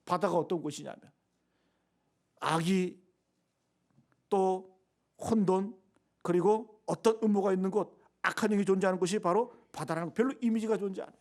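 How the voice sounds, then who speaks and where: In a fairly high voice, a male pastor delivers a Sunday sermon emphatically at a moderate pace with long pauses, repeatedly asking the congregation rhetorical questions. His volume shifts between loud emphasis and near-whispered asides.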